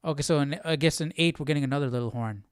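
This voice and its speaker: Talking rapid-fire in a slightly high voice, a man leads a casual livestream Bible study, musing aloud over his commentary. The sound is clean and echo-free, of studio quality.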